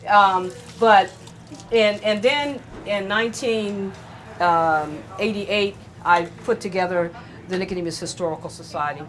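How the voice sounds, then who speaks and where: An older woman from California recounting personal family history in an interview, telling her stories with lively acted-out dialogue. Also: mid-range voice, a little slow, a little hiss or hum. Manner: animated storyteller who acts out the voices of people she quotes. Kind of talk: storytelling interview.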